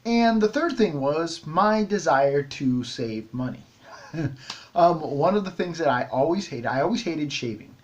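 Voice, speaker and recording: A man's voice: fairly high pitch, animated, a little slow, dull audio. A middle-aged man hosting a shaving vlog, talking casually to camera with many ums and restarts. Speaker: shaving video host.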